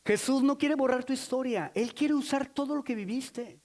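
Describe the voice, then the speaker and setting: Mexican male pastor, high voice, emphatic call-and-response sermon, playful teasing. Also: moderate pace, a little mellow. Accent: Mexican Spanish. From Mexico City.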